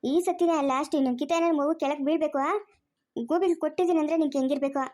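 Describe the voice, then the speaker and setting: A woman playing a sharp-tongued grandmother who scolds her daughter-in-law, speaking rural Chikkaballapur Kannada. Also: sits high, steady tone, lightly acted. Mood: lecturing. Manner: scolding, rapid and raised. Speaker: grandmother character. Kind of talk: family drama acting.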